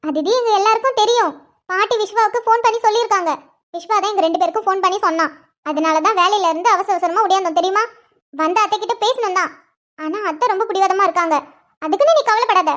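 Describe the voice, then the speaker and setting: A woman voicing a calm, caring young sister-in-law in a cartoon, speaking in a soothing, reassuring way. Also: very high voice, fast. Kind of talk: cartoon voice acting.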